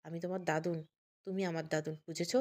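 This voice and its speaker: A woman voicing a proud, scolding older mother-in-law who grumbles and is flustered but soft underneath. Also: on the low side, flat delivery, brisk, lightly acted. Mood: tender.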